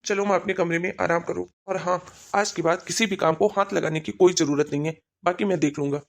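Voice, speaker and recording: A woman voicing a man in his thirties in a cartoon, a son and husband who scolds sternly and loudly. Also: lowish voice, fairly even intonation, a little fast, gravelly. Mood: angry.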